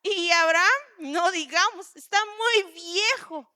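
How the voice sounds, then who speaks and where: A woman's voice: very high-pitched, pushed and bright, voice pushed up, full character voice. A woman preacher voicing an elderly woman who laughs off her own age and fires off disbelieving questions. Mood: incredulous. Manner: exclaiming, rapid disbelieving questions. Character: elderly woman, incredulous and self-mocking about her age.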